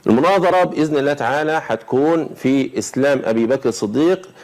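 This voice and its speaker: A man with an Egyptian accent speaks at a very rapid clip in a mid-range voice. He debates insistently, repeating the same line and peppering his speech with pious formulas. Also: medium pitch, a little mellow. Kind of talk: heated online debate.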